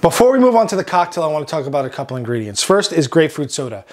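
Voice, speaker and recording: A chef with a Long Island accent hosting a cooking demonstration, relaxed, often ending points with "right?". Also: male voice, a little high, rapid-fire. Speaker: chef and host.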